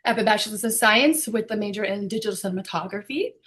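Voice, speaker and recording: A woman producer and director hosting a video call, chatty and excited, with frequent fillers and laughs. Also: mid-range voice, fast. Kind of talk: casual presentation on a video call.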